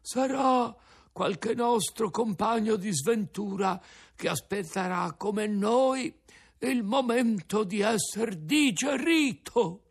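Croaky squeaky old tuna, slow and resigned, voice all over the place. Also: male voice, lively intonation, heavily acted. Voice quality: cracked, creaky voice like an out-of-tune guitar. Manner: slow, resigned, drawn-out delivery. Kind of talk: audiobook character voice.

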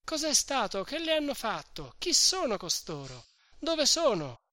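A reader voicing an alarmed crowd of village men who shout frantic questions over each other, in an audiobook of a classic novel. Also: high voice, lively intonation, a little slow, no room sound, clean studio sound, pitched above the performer's own voice, heavily acted.

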